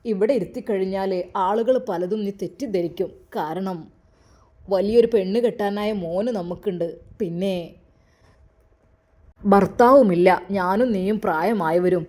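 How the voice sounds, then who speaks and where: A woman's voice: mid-range voice, measured pace, pauses often, dark tone, pitched below the performer's own voice, natural voice. A woman voicing an older mother-in-law who reasons earnestly. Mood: persuasive.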